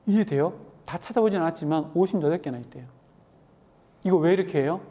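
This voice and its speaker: Youth preacher, sermon style, rhetorical questions, mid pitch, reverberant church hall. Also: fast talker, warm tone. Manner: repeats phrases, asks the congregation rhetorical questions.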